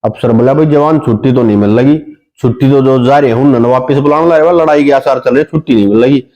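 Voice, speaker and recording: A man's voice: medium pitch, quick pace, dark tone, dull audio. A man with a Haryanvi accent telling comic village stories in dialect, slipping into sing-song voices for the people in his jokes. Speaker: comedian.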